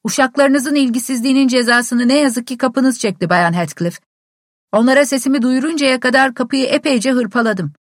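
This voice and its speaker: A woman voicing a polite, fussy young gentleman tenant who speaks formally, a little indignant. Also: sits high, expressive, normal speed, no echo, clean studio sound, voice pushed up.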